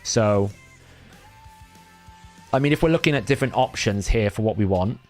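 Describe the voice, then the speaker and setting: A Welsh man whose first language is Welsh hosts a live game stream, chatting and thinking aloud while often correcting himself. His voice is fairly low with lively intonation at a normal pace, and faint music plays behind him.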